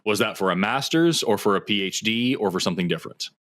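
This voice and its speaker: A male talk show host questioning a caller, pressing for clear answers. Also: on the low side, quick pace, fairly bright tone. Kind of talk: call-in debate.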